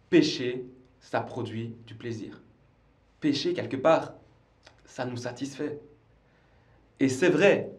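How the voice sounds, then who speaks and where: A man's voice: on the high side, a little mellow, roomy sound. A man preaching a livestreamed church sermon, earnest and repeating words as he goes. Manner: earnest, repeats himself with small stumbles. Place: church service streamed live.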